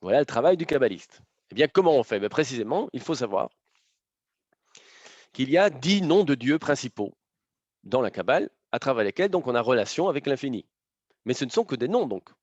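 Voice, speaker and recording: A man's voice: mid-range voice, sing-song, brisk, long pauses, no room sound. A man giving a lecture to a live audience, explaining points one by one and often tagging his sentences with short checking questions. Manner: explanatory, punctuated by frequent tag questions. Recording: dull, slightly muffled lo-fi sound.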